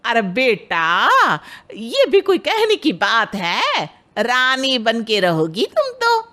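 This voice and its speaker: Casting: woman playing busybody matchmaking aunt in a moral story, cheerful and pushy, sharp high-ish voice. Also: huge pitch swings, slow, exaggerated voice. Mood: brisk, coaxing. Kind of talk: dramatized Hindi moral story.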